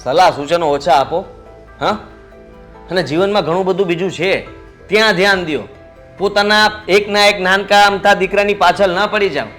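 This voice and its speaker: A smug, idle young son argues back at his father with mocking retorts. His voice is high and bright, and faint music plays under him. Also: steady tone, moderate pace. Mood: defiant. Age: young adult.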